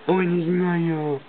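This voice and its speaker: A father coaxing his infant in gasping, sing-song baby talk, recorded on a home video. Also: high-pitched. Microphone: recording phone held by the mother. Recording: tinny phone-like home video, loud noise.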